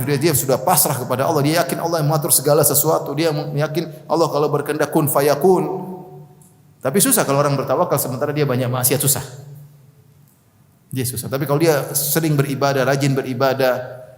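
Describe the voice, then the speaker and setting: A man's voice: on the high side, steady tone, brisk. A man giving a religious study lecture, reciting Arabic prayers line by line, translating them and joking with his listeners. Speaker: Islamic preacher. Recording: echoey hall with long reverb.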